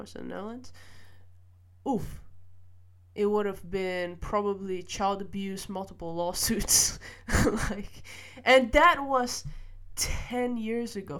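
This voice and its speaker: A young woman from Malaysia talks to camera in a casual personal vlog. She is reflective and hesitant, often pausing on fillers and letting out small laughs. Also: medium pitch. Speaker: student vlogger.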